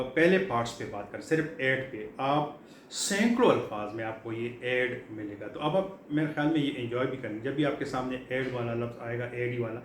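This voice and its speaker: A middle-aged man from Pakistan teaching English vocabulary in a classroom lecture style, explaining patiently and repeating key words with frequent fillers. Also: medium pitch. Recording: echoey room, faint background hum.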